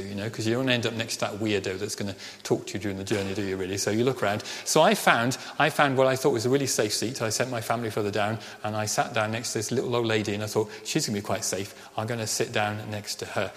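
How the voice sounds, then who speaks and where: A middle-aged vicar from Birmingham, England, preaches a sermon in a church, his slight Birmingham accent touched by Welsh Ceredigion tones. His medium-pitched voice tells a personal story earnestly and slows down on key phrases, with the reverberant sound of a church hall around him.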